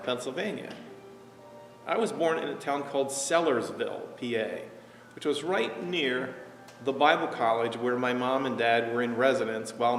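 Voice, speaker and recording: Seated in an armchair in his living room, a man in his sixties from New Jersey, USA, a pastor, offers a reflective sermon in a conversational way, gesturing while talking and softening to a hush at key moments. His pitch is medium. Recorded on a distant camera, the audio has a roomy echo with faint music behind it.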